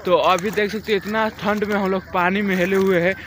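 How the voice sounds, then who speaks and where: A young man chats his way through a casual vlog, filming himself on a phone held at arm's length. His voice sits a little high and comes across bright and forward. Faint outdoor noise runs underneath. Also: level tone, a little fast. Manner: chatty, walking narration to a handheld camera. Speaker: vlogger. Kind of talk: casual village vlog narration. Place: outdoors in a foggy village field. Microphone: phone camera held at arm's length.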